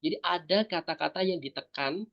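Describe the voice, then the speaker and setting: A man's voice: brisk, gravelly. Male speaking coach, East Javanese accent, models intonation aloud, dull recording. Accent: Indonesian, East Javanese. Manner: demonstrative, shifts pitch and stress to model intonation. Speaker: public speaking trainer. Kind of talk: workshop lesson with participants.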